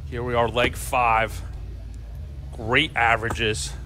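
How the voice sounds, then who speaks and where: A man's voice: medium pitch, level tone, takes it slowly, sharp tone, a little hiss or hum. A man giving live sports commentary on a darts match.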